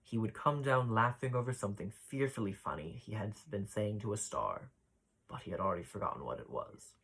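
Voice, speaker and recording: A man reading a classic children's story aloud, voicing the children's lines with brighter lifts. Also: fairly low pitch, fairly quick, creaky, slightly rough, rough recording. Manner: expressive reading, voices the children's dialogue with lifts. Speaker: ballet dancer reading a children's book aloud.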